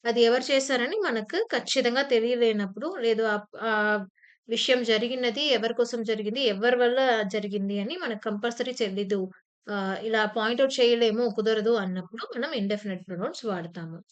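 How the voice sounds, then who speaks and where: Patient Telugu-speaking woman teacher, high voice. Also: brisk, smooth, lo-fi sound. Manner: explains patiently with repeated examples and fillers; acts out short example phrases with sudden emphasis. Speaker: English teacher. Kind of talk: exam-prep lecture in Telugu mixed with English terms. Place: online class recording.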